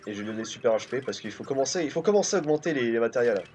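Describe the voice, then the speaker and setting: A man's voice: medium pitch, lively intonation, very fast, darkish tone, faint music behind. A man from France commenting casually on his gameplay, thinking aloud with many hesitations. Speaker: let's play host. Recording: dull lo-fi recording.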